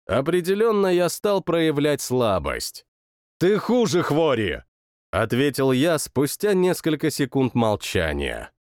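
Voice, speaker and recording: A man's voice: mid-range voice, measured pace, clean tone, no room sound, clean studio sound. A man narrating an audiobook in first person, with growled outbursts. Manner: lively, growling outbursts in quoted lines.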